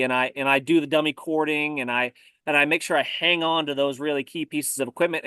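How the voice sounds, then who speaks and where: A man talking casually about survival gear, relaxed and often repeating words as he thinks. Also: a little high, no echo. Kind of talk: casual conversation.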